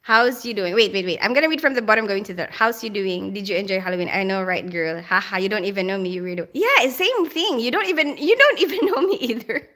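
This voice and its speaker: A woman with a Filipino accent chats casually on a live stream and reads viewer comments aloud. Her voice is bright and forward, with an easy, middling pitch. She talks straight to her viewers and breaks into laughter often. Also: animated, quick pace, hardly any pauses. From Philippines.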